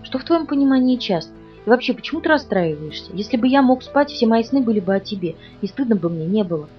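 Woman reading a calm young vampire man. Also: a little high, quick pace, lightly acted. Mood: tender. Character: quiet young male vampire, calm and devoted. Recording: dull lo-fi audio from a distance, with music underneath.

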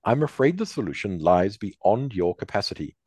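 A man's voice: fairly low pitch, sing-song, moderate pace, darkish tone, husky, no room sound. An arrogant young genius talks down to others in short, cool phrases. A man reads him close to his own voice. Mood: condescending. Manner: condescending, curt.

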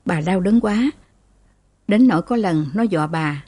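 A woman narrating an audiobook story in a steady, even storytelling manner. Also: fairly low pitch, measured pace, husky, dry recording.

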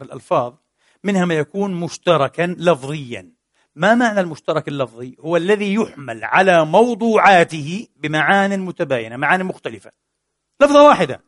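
A man whose voice sits high and a bit bright gives a philosophy lecture, asking questions and answering them himself while mixing formal and colloquial words. The sound is clean studio audio with no room sound.

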